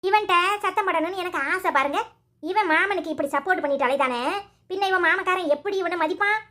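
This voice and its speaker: In Tirunelveli Tamil, a woman voices a cartoon's old mother-in-law, all nagging and sharp words, delivered as quick, sarcastic scolding. She speaks in a very high voice.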